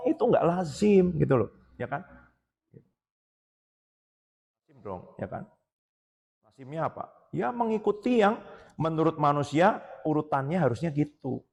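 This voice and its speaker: A man preaching a sermon as a pastor, telling stories and quoting people in lively voices. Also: fairly high pitch, gravelly. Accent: Indonesian. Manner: animated storytelling, quoting others in voices. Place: church hall. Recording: long reverb of a church hall.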